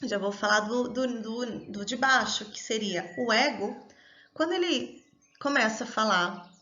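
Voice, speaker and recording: A woman giving a calm, explanatory self-development lesson, often checking in with a questioning tag. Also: on the high side, measured pace, highs cut off. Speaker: course teacher.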